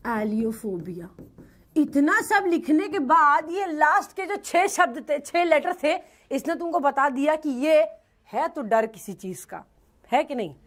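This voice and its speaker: A young woman teaching an English class. Her voice sits high, and she keeps pulling the listeners in with questions. The delivery is lively and conversational. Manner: lively, quizzing students with rhetorical questions. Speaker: English teacher for bank exams. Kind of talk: classroom lecture.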